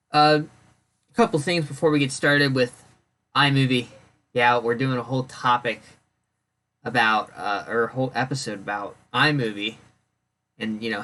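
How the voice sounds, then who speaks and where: A podcast host talks alone on his own show, casual and loose, rambling and self-correcting with many fillers and restarts. He sounds congested and phlegmy, his mid-range voice fairly bright in tone.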